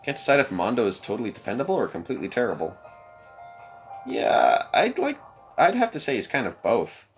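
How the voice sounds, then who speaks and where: A young man hosting a let's play, reading a visual novel aloud with expressive commentary. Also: mid-range voice, a little fast, soft background music.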